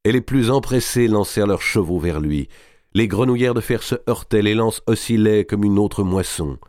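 A man reading a historical novel aloud as audiobook narration, measured and expressive. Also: fairly low pitch, dry recording, studio quality.

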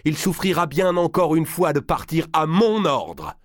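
A furious, proud young noblewoman hurls high, shouting insults, as a male reader puts her on. Her voice rides far above his own low register, swinging wildly with scorn. The recording is close and dry. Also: very animated, a little slow, no room sound. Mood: scornful.

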